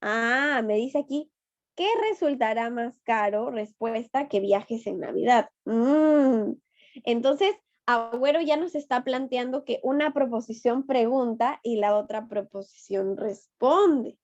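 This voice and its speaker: A woman's voice: on the high side, a little slow, a little mellow. A woman teacher, taking her class step by step and patiently coaxing answers out of her students. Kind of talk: online class lesson. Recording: dull lo-fi online class audio.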